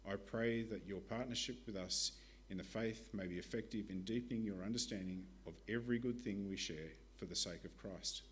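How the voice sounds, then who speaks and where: A man presenting to a church, reading a prepared ministry report and Bible passages in a steady, measured way. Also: fairly low pitch, a little hiss or hum.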